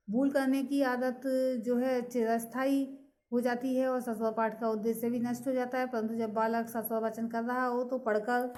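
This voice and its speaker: A woman gives a lesson, working through her notes point by point in a steady, explanatory delivery. Her voice sits somewhat high yet sounds warm and mellow, and she fills the pauses between points with small hesitations. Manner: steady explanatory delivery with frequent fillers and "next point" cues. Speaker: teacher. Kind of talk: lecture reading from notes.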